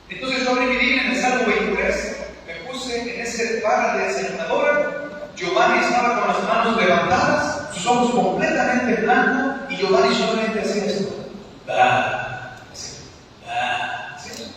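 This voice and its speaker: High-voiced pastor in an echoey hall. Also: male voice, fairly bright tone, a little hiss or hum. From Mexico. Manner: dramatic storytelling, voice drops low for tense moments. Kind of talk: sermon storytelling. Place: large church hall. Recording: distant mic in echoey hall.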